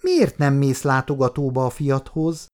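A man voicing an eager, chatty little girl in an audiobook reading, with a high childlike voice. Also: expressive, a little mellow, lightly acted.

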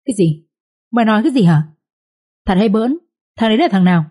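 A woman voicing a frightened, fretful middle-aged village mother who wails and frets, in a husky voice. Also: mid-range voice, lively intonation, fast, warm tone, natural voice. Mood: wailing. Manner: wailing, fretful.

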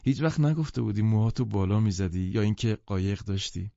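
A man's voice: lowish voice, lively intonation, vocal fry, dark tone, no echo. A man voicing a playful, charming young woman in an audiobook. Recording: dull lo-fi recording.

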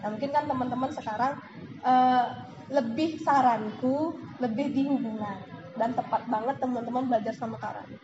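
Female sales team leader, high and animated, echoey lo-fi room with noise behind. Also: moderate pace. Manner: lively, animated, acts out examples. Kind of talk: motivational sales talk. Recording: echoey room, dull lo-fi, noisy.

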